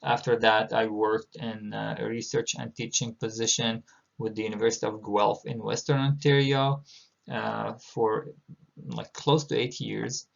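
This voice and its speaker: A middle-aged man from Palestine, a university instructor, giving a recorded online lecture in a measured way with many filler pauses. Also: lowish voice, level tone, gravelly. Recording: dull lo-fi audio.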